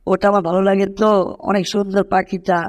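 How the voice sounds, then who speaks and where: A woman's voice: medium pitch, little pitch movement, fast, a little mellow, natural voice. A woman voicing a hungry, scheming male house cat in a fan cartoon dub, muttering and groaning to himself. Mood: fearful.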